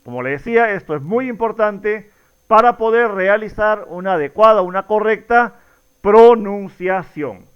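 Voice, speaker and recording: A male teacher talks slowly to his students, leaning hard on single syllables and drawing them out. His voice sits high and swoops up and down, smooth and clear. The recording sounds dull and lo-fi. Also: lively intonation. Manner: slow, drawn-out words with strong stress to show the stressed syllable; addresses students directly, repeating each question. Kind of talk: recorded classroom lesson.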